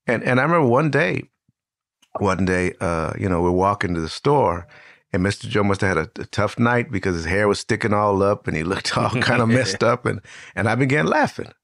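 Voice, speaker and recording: Gravelly older man telling stories. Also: on the low side, a little fast, dry recording, clean studio sound. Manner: warm storyteller, animated with many restarts. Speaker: host. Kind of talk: conversational interview storytelling.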